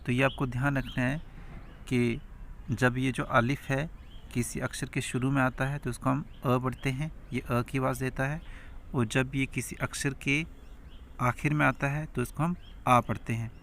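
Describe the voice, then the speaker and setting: Male teacher, gravelly, unhurried; spells out letters for learners, faint hiss and birds behind. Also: medium pitch, flat delivery, fairly bright tone. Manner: sounds out letters one by one, asks and answers his own questions. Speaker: Urdu script teacher. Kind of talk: slow spelling-out lesson.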